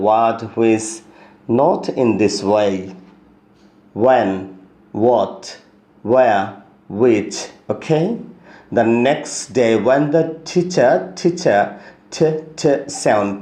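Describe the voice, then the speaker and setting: A man with a Bengali accent teaching English pronunciation in a video lesson, reading lines slowly for students to repeat. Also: medium pitch, warm tone, roomy sound. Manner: slow, drawn-out model reading of English lines, quick explanations in between.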